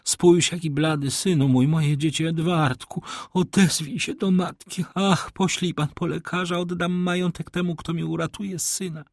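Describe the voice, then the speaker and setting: A man voicing a terrified aristocratic young mother in an audiobook, high, effusive and breathless. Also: fairly even intonation, normal speed, few pauses, dry recording, clean studio sound, lightly acted. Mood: frantic pleading.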